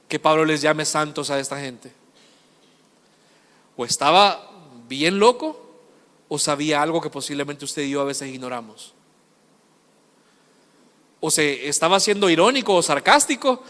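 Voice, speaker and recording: Guy preaching, high bright voice, goes quiet then loud, lots of hall echo. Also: expressive, unhurried, pauses often. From El Salvador. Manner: impassioned, swings between hushed asides and loud emphatic lists. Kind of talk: sermon.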